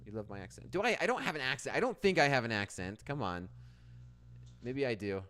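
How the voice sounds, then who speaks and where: A very animated, brisk, fairly bright mid-range voice belongs to a Canadian man hosting a live trading stream. He casually reads viewer chat aloud and answers it, with lots of restarts.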